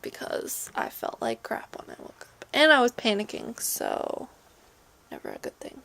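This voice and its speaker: A sick woman with a stuffy nose and a sore throat, chatting casually to camera at home in a rambling, soft-hearted way. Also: a little high, huge pitch swings, normal speed, gravelly. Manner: rambling, soft-hearted talk to pets and objects. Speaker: vlogger. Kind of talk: casual chat to camera, sick day vlog. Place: at home in a bedroom.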